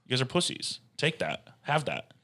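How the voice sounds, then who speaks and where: A young man from Michigan co-hosting a casual podcast chat, joking in a deadpan way and swearing casually. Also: medium pitch, moderate pace. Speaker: podcast co-host.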